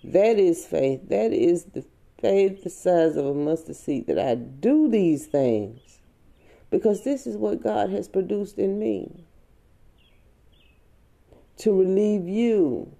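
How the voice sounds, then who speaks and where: A woman hosting a podcast, speaking a heartfelt spiritual monologue with slow, drawn-out phrasing. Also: mid-range voice, animated, creaky, warm tone. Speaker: podcast host.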